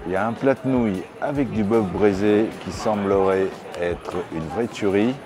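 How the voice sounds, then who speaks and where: A middle-aged man hosting a food vlog, giving measured, descriptive tasting remarks in a casual way. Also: on the low side. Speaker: food vlogger host. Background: background music.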